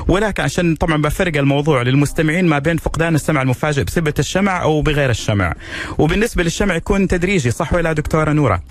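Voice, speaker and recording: A man's voice: a little high, racing. A male radio host, welcoming a guest and asking her questions plainly on a talk show.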